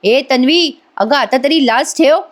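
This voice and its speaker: A woman voicing a stern young sister-in-law who scolds slowly and firmly. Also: high voice. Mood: scolding. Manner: slow, scolding, firm.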